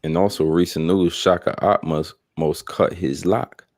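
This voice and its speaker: A man with a very low, deep voice hosts a casual religious discussion. He talks in a laid-back way, full of ums and uhs, and the sound is dry and close. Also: steady tone, measured pace, darkish tone, no echo. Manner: laid-back, many fillers.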